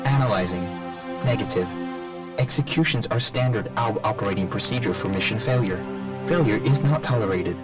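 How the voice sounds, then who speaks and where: Rusty broken-down robot unit played by a man, clipped and obedient, loud game music behind. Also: lowish voice, brisk, natural voice. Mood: flat reporting. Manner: clipped status-report phrasing, repeats itself on errors. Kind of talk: video game dialogue.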